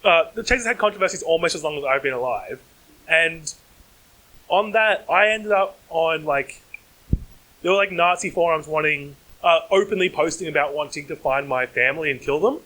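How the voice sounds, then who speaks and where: Young comic writer, tense bright tone, lots of likes and ums. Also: male voice, a little high, rough recording. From Australia. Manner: fast, run-on, heavy fillers. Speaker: comedy writer on panel. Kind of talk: panel discussion. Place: conference stage.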